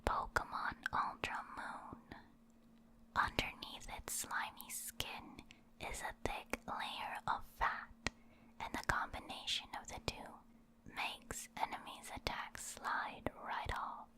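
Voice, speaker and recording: Whispering without voicing, a female ASMR host works through reference entries, her breathy delivery measured and spaced out.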